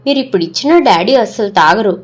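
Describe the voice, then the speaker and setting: A woman's voice: medium pitch, animated, fast, natural voice. A woman voicing a young schoolgirl who is grieving her late mother, speaking earnestly and plaintively.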